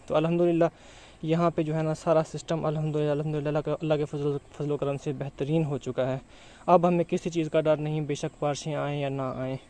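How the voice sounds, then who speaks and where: A man from Pakistan talks a viewer through a place in a loose, casual vlog style. His voice sits a little high yet sounds soft and mellow. He strings his thoughts along with filler words and pious phrases. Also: flat delivery, a little hiss or hum. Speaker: vlogger.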